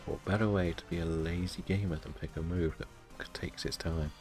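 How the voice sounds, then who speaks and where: Low-voiced, low-key male game streamer. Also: fairly even intonation, brisk, a little mellow, faint music behind. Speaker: live-streaming gamer. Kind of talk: casual game stream commentary, chatting with viewers.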